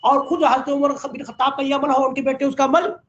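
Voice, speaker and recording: High-voiced man teaching a hadith lesson. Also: level tone, a little fast, fairly bright tone, highs cut off, slight background noise. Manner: recites chains of narrators in Arabic, then explains with rhetorical questions. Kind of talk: religious lesson, reading Arabic and explaining in Urdu. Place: online class over a call.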